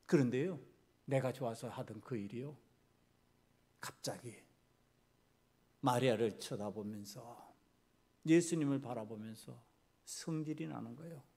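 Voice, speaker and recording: A man preaching a sermon as pastor. He swings from quiet asides to loud, emphatic passages and acts out the people in the story. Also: mid-range voice, a little slow, vocal fry, long pauses, breathy edge. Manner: preaching with dramatic shifts in volume, acting out biblical characters. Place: church sanctuary.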